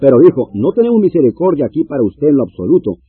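A man's voice: a little high, big pitch swings, racing, slightly rough. A man interpreting a sermon phrase by phrase. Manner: follows phrase by phrase. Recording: tinny lo-fi line.

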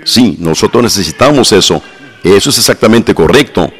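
A man's voice: lowish voice, animated, normal speed, slightly rough. A man preaching a fiery revival sermon, folksy and emphatic, with mocking asides to the congregation.

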